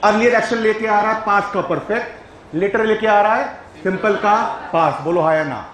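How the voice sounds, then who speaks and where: A man's voice: high voice, normal speed, a bit bright, roomy sound, low-quality recording. A male teacher giving a classroom grammar lecture, who keeps checking whether his students follow and coaxes them along.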